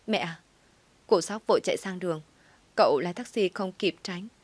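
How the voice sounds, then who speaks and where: Desperate young mom, sobbing, pleading, woman reader doing her, lowish voice. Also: normal speed, husky, no echo. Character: young mother, desperate and grief-stricken.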